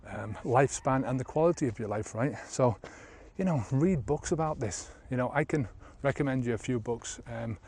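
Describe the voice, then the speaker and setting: A man's voice: mid-range voice, normal speed, hardly any pauses, darkish tone, slightly rough. A man of about fifty, a sobriety coach, talking casually in a vlog while walking an outdoor trail, rambling with many fillers, filmed on a handheld camera at arm's length.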